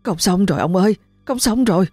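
A frightened older wife in a spoken ghost story, put on by a woman narrator, wailing in a raised, shaky voice that jumps high. the sound is dry and close, with faint music underneath. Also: lively intonation, moderate pace, mellow, no room sound. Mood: panicked. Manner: panicked, wailing. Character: terrified older wife of a rich household.

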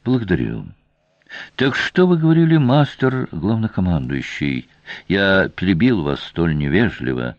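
A man voicing a shrewd male royal guardian who speaks with measured, elaborate politeness, in a dry, slightly dull audiobook recording. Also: low-pitched, very animated, no room sound, heavily acted. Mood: courtly.

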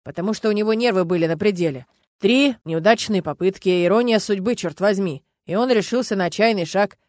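A sardonic, teasing man, as a woman reads him in an audiobook, louder and a touch lower. Dry, close sound. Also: a little fast, no room sound, lightly acted. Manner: teasing, ironic. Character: sardonic male friend, teasing and sharp. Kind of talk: audiobook narration.

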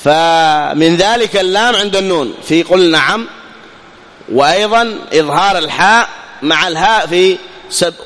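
A man teaching a tajweed lesson, explaining step by step, asking questions and answering them himself, and reciting his examples slowly and drawn out. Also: high-pitched, fairly bright tone, in a large hall.

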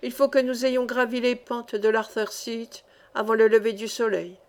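A woman voicing a learned, genial older engineer who explains science in measured sentences in a read-aloud novel. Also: on the high side, flat delivery, a little mellow, natural voice. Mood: instructive. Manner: instructive, measured.

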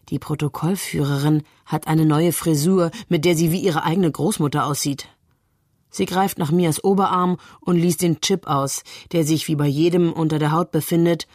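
A woman narrating a literary story in a measured, calm way. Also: low voice, dry recording, clean studio sound. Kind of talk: literary reading.

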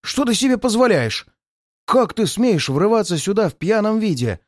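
Audiobook role: a man playing a haughty, quick-tempered gentleman, snapping and indignant, raised and sharp. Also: high voice, big pitch swings, no echo, clean studio sound, pitched above the performer's own voice. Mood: angry. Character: arrogant, hot-tempered rich gentleman.

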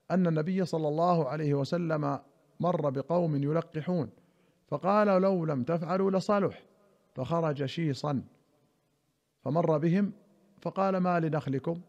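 A man with a slightly raised pitch reads and explains classical religious texts in a careful, deliberate manner, slowing down on key words. The recording sounds muffled and lo-fi, like an old radio broadcast. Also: darkish tone. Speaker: radio presenter and religious scholar.

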